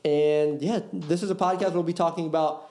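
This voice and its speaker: Male co-host from Puerto Rico, thirties, friendly, slightly higher mellow voice, roomy echo. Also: steady tone, brisk. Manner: friendly, asks questions, laughs along. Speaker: podcast co-host. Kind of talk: casual chat. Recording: echoey room.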